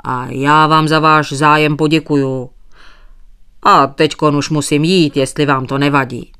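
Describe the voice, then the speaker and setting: A woman's voice: sits low, steady tone, a bit bright, smooth. A woman voicing a stubborn male sheep farmer who politely dodges every request with thanks. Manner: courteous, evasive, dodges with thanks.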